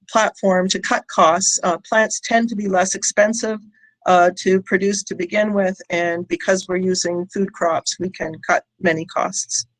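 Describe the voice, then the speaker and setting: A woman presents a short scientific pitch in an online talk. Her voice sits at an ordinary middle pitch for a woman, and her delivery is hesitant, with frequent ums and small pauses between phrases. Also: rough recording. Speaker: company founder and scientist presenting. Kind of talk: prepared short conference presentation. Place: online presentation with audience in chat.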